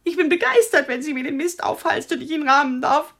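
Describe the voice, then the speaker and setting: An actress playing a middle-aged wife who vents with wry humour, in a radio play. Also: female voice, deep voice, big pitch swings, unhurried, slightly rough, heavily acted. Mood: wry venting. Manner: wry, venting. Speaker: wife, frame shop owner.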